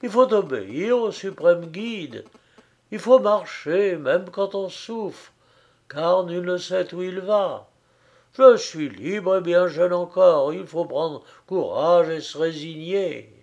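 A man's voice: high-pitched, animated, slow, darkish tone, highs cut off, pitched above the performer's own voice, full character voice. A man voicing an anxious, earnest young man. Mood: resolute. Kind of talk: audiobook character voice.

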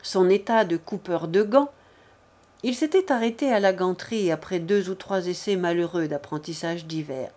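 A woman narrating a literary novel as an audiobook, reading in a measured, deliberate way. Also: on the low side, dark tone.

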